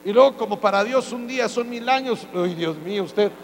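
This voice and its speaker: A man's voice: high voice, fairly quick. A man preaching a sermon as pastor. He preaches with joking asides and acts out quotes. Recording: hall reverb with faint mains hum.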